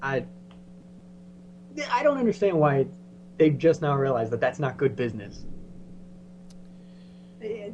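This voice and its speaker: A man's voice: medium pitch, big pitch swings, unhurried, long pauses, a little mellow, a little hiss or hum. An American man co-hosting a casual wrestling podcast, making dry sarcastic quips. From United States. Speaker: podcast co-host.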